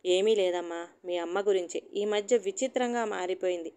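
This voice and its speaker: Calm reasonable middle-aged husband, as a woman reads him, patient, a bit baffled. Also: mid-range voice, normal speed, smooth, close to an everyday voice. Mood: mild.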